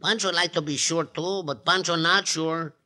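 Pancho, the jolly excitable sidekick. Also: male voice, fairly high pitch, normal speed. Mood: pleading, jokey. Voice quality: broken English, excitable, laughing. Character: Pancho, jolly comic sidekick, heavy Mexican accent. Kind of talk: 1950s radio drama acting.

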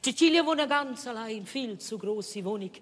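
A woman's voice: a little high, animated, moderate pace, lightly acted. An older actress playing a bossy, nagging Italian housewife on stage, scolding emphatically with an Italian accent and broken grammar mixed with her native tongue. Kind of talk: stage comedy-drama acting. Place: indoor theatre stage. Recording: reverberant theatre stage, faint noise.

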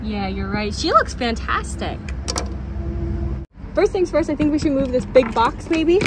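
Lively young mother, high animated voice. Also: measured pace. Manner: animated, gasping, encouraging. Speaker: parent and channel host. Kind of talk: casual toy unboxing with a toddler. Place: outdoors on a gravel patio by a fence. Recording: outdoor traffic noise.

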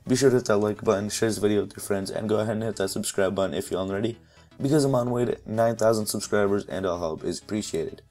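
A hoarse man with a fairly low voice gives a relaxed, step-by-step screen-recording tutorial, his voice fading after losing it. He talks casually into a desktop mic, with faint music playing underneath. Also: quick pace. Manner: relaxed, step-by-step, leans on "essentially" and "uh". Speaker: tutorial youtuber.

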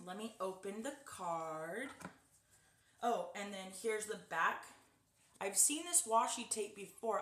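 This casual unboxing chat comes from a young woman vlogger talking straight to her viewers in a small indoor guest bedroom. She has a medium-pitched, fairly bright voice, and the somewhat distant camera leaves the sound echoey.

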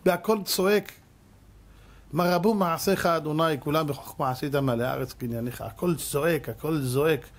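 Impassioned man preaching a sermon. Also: a little high. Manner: impassioned, rhetorical questions, swings between hushed and loud; addresses the audience as "gentlemen". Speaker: rabbi.

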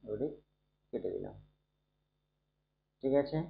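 Man, soft and unwell, slow teacher, echoey room, dull sound. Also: fairly low pitch, gravelly. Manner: slow, soft-spoken, checks in often with students. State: unwell, speaking softly. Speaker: school computer teacher. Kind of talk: screen-recorded computer lesson.

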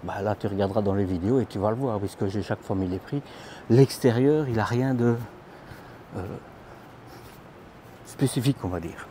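His voice sits fairly low and sounds warm as this camper van vlogger tours vans at a large indoor trade show, holding his phone as he goes. He speaks at a moderate pace, pauses often, says "tu" to the viewer and leans on fillers. A bit of hiss or hum can be heard.

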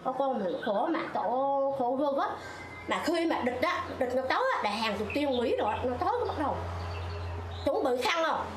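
An older former stage actress from Phú Yên, telling a wartime memory in an animated, exclamatory way. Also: female voice, normal speed, roomy sound, background noise. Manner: animated storyteller, pitch leaping high in exclamations. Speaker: former hát bội actress. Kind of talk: emotional war memory interview.

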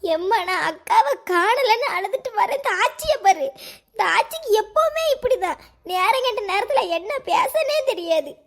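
Woman voicing a weepy cartoon girl, Kanyakumari Tamil, whiny and very high. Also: very animated, normal speed, heavily acted. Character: tearful young village girl, whiny and upset. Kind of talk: cartoon voice acting.

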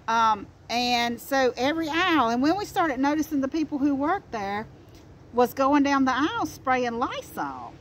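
This co-host is a high-pitched Appalachian woman, an animated, folksy storyteller who repeats phrases for emphasis at a normal speed. She's chatting casually and telling stories outdoors in a wooded yard. The sound comes from a camera a few feet off, with ambient noise around her.

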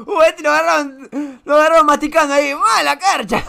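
Young male streamer, Rioplatense accent, crude casual reactions, bright timbre. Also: very high voice, gravelly. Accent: Rioplatense Spanish. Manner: swears a lot and laughs often.

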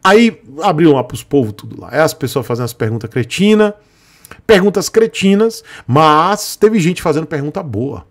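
Brazilian guy on a live stream, bit high pitched, sarcastic, keeps chuckling. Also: animated, moderate pace, hardly any pauses, a bit bright. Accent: Brazilian Portuguese. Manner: sarcastic, joking, with frequent chuckles. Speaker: motorcycle vlogger on a live stream. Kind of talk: casual live-stream rant.

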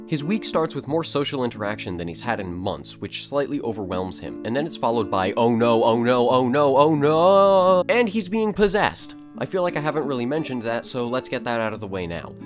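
A man delivers scripted review commentary in a wry, sarcastic manner. His pitch moves freely and expressively while sitting at a middle height. Guitar music plays clearly under his voice. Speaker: video essayist.

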